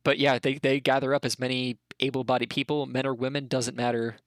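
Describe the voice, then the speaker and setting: A man narrating a tabletop game as game master, in an informal, slangy, halting way. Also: mid-range voice, little pitch movement, dry recording, studio quality.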